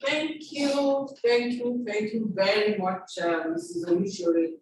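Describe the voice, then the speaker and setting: A woman's voice: mid-range voice, fairly even intonation, unhurried, background noise. A woman moderating a conference call, introducing the speaker in a hesitant way with many fillers. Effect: conference call audio. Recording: echoey, distant online conference call.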